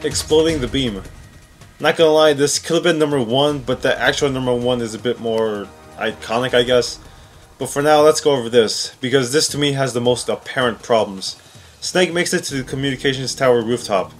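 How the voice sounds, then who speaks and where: A man with a mid-range voice talks fairly quickly, giving laid-back, sarcastic commentary on a countdown of game scenes. He frequently sounds incredulous and swears. Background music accompanies him.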